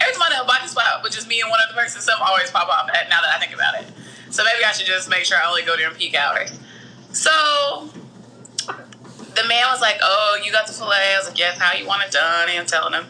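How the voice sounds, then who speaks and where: Very bright-voiced woman telling a funny story. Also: mid-range voice, a little hiss or hum, low-quality recording. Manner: animated, laughing storyteller with slangy, drawn-out asides. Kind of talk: casual chat, storytelling.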